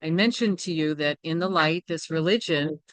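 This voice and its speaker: In a dry recording, a low-voiced woman leads a workshop at a moderate pace. It's a personal teaching talk, candid and reflective, and she keeps checking in with "right?" and "you know."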